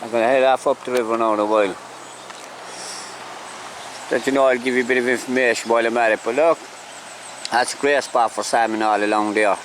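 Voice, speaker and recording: A man's voice: medium pitch, steady tone, brisk, long pauses, fairly bright tone, poor audio. A man with an Irish accent chatting casually and folksily to viewers in a rambling outdoor fishing vlog. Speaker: fishing vlogger. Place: outdoors along a river. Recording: outdoor ambient noise, riverside. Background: clear outdoor ambience.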